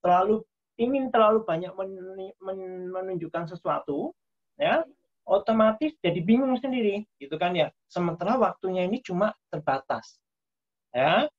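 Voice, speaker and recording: A man's voice: high-pitched, lively intonation, moderate pace. A man giving a casual online workshop lecture, full of fillers and tag questions. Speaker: workshop presenter. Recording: dull lo-fi online call audio.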